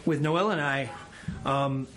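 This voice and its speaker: In a rough recording from a radio studio, a male bass player and songwriter rambles through explanations in a casual interview. His mid-range voice is slow and a bit bright.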